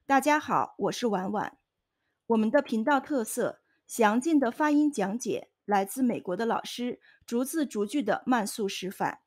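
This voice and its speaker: A woman's voice: on the high side, lively intonation, normal speed, darkish tone. Woman explaining pronunciation step by step. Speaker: host and pronunciation tutor.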